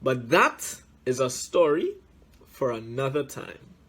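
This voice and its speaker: Slow, lively-voiced man reading a storybook. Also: mid-range voice, husky. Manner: animated storyteller, shouts character exclamations. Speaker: guest story reader. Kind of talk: reading a children's story aloud.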